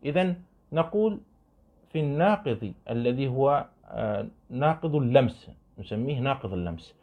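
A man's voice: mid-range voice, expressive, moderate pace. A man teaching Islamic law, explaining a classical text line by line, often repeating his points, asking his students questions and showing things with his hands. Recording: narrow phone-like band.

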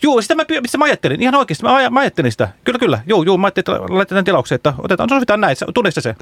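A man's voice: high-pitched, very animated, vocal fry, fairly bright tone, dry recording. A man hosting a casual radio chat show, reading listener messages and rambling with many restarts. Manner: rambling, halting, full of restarts.

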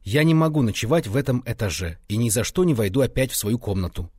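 A trembling, deferential manservant in a spoken storybook, humble and frightened as he speaks to his master, as a male reader puts him on. The voice is husky with lively rises in pitch, in a dry close sound. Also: quick pace, dry recording. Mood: terrified. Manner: deferential, fearful. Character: terrified old-fashioned male servant, deferential.

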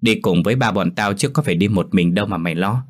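A man's voice: on the low side, quick pace, natural voice. A man voicing a hesitant young village man who pleads and coaxes. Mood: coaxing.

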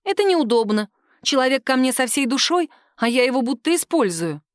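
A woman voicing a timid young female office worker who squeaks and bleats her replies. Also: sing-song, a little fast, no echo, clean studio sound. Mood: coy.

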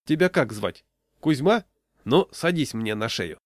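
Grishkin, a man doing a rough blunt buddy. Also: mid-range voice, sing-song, unhurried, dry recording, clean studio sound. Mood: offhand. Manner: blunt, offhand.

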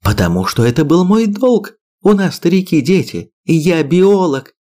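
A man voicing a fierce shouting woman. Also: very animated, moderate pace. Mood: angry. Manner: shrill heated shouting. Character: angry middle-aged woman biologist, fierce.

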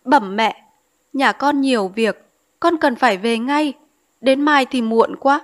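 A woman's voice: sits high, slow. A woman voicing a young grieving bride who pleads plaintively. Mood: pleading.

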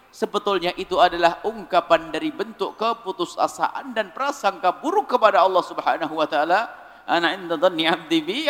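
A man preaching a sermon, lively, acting out people's prayers in a raised voice. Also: high voice. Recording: reverberant hall.

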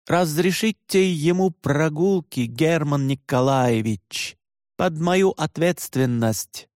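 A stubborn young Finn who speaks slowly and deliberately, working hard at each sound, as a man voices him in an audiobook. He pitches slightly higher than the narration. The voice is dry and close to the mic. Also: lively intonation, a little mellow, dry recording. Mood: pleading. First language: Finnish. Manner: slow, carefully articulated, stubborn. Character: stubborn young Finnish man, careful Russian.

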